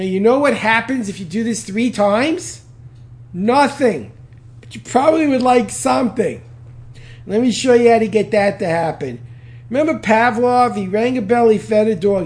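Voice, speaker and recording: A man's voice: sits high, moderate pace. A man teaching a self-improvement lesson, leading viewers through a physical exercise and counting aloud with enthusiasm. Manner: enthusiastic, counts out loud, calls for passion. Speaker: speed reading instructor. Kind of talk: energetic instructional talk leading an exercise.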